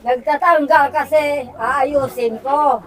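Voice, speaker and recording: An older grandmother being interviewed, talking loudly and bluntly in a casual chat. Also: high-pitched, steady tone, takes it slowly. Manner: loud, blunt.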